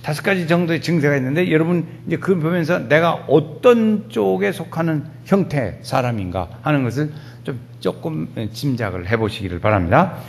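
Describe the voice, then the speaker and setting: A male pastor preaching a sermon in a folksy, animated storytelling manner, with sudden loud rises. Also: fairly high pitch, a little fast, creaky, few pauses.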